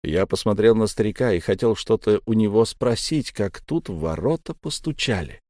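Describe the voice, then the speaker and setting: A man reads a tense adventure story aloud, his voice dark and mellow in tone. The sound is dry and close, with no room behind it. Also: on the low side, expressive, normal speed, no room sound. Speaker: audiobook narrator. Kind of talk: dramatic audiobook narration.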